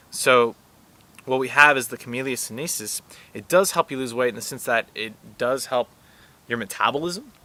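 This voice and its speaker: A young man talks straight to the camera with a bright, forceful voice, giving health advice. He rambles and fills gaps with ums and restarts, earnest throughout. A faint hiss of noise sits under the recording. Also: lowish voice. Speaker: wellness vlogger. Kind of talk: casual talk to camera.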